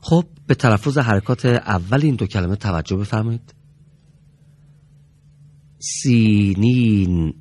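Low husky guy teaching quran recitation on tv, slow careful drawn-out sounds. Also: darkish tone. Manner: slow and careful, drawing out sounds to demonstrate them. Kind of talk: TV recitation lesson. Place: TV studio.

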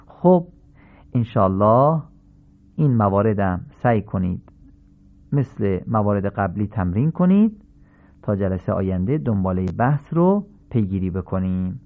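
A man's voice: lowish voice, big pitch swings. Patient male recitation teacher on tinny radio. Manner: slow, drawn-out chanting of drill syllables; patient, instructive explaining. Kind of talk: radio lesson on Arabic pronunciation. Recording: tinny phone-like broadcast sound.

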